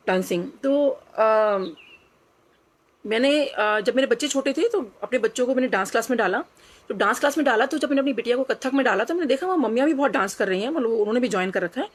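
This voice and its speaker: A middle-aged woman recounts a personal testimony in an earnest, reflective way. Her voice sits a little higher than most women's, and she often slips into quoted dialogue and English phrases. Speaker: devotee sharing a testimony. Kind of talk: personal storytelling.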